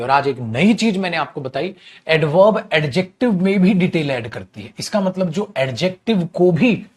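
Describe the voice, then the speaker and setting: A man with a Hindi accent teaching an English grammar class online, explaining slowly and asking and answering his own questions. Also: a little high.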